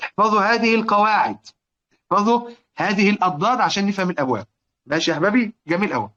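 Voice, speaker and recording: High-voiced Egyptian man teaching recitation. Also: animated, sharp tone, highs cut off. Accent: Egyptian Arabic. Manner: repetitive, quizzing listeners, chants verse slowly. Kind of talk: explanatory lesson on Quranic reading rules.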